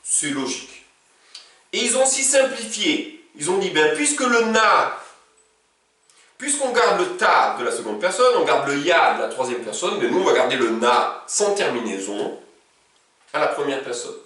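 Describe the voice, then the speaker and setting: A man gives a casual, chatty language lesson with a fairly high voice that swings up and down a lot. He sounds set back from the mic, in a room full of strong echo. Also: very animated, moderate pace, pushed and bright, recorded from a distance. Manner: casual and chatty, with conjugations recited in a row. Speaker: Arabic teacher. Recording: very echoey room, speaking from away from the mic.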